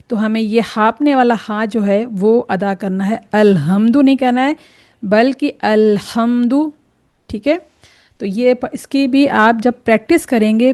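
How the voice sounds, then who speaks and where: A woman teaching Quran reading, explaining each Arabic letter patiently and sounding it out slowly to demonstrate. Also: on the high side, a little mellow.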